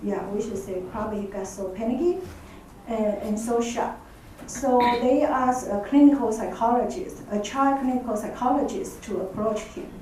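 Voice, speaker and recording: In an echoey conference room, a Taiwanese-accented woman presents as a professor, partly improvising and often pausing or repeating herself while looking for words. She sounds a little high and mellow at a moderate pace, recorded from a distant mic with faint noise.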